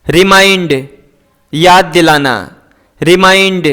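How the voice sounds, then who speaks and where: A man teaching English words, saying each word and its meaning twice in a slow, deliberate drill. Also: high-pitched, steady tone, bright, forceful tone, clean tone.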